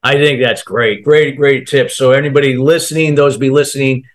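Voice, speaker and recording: A man's voice: medium pitch, fairly even intonation, normal speed. A man hosting an interview, chatting casually and affirming his guest's tips. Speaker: interview host.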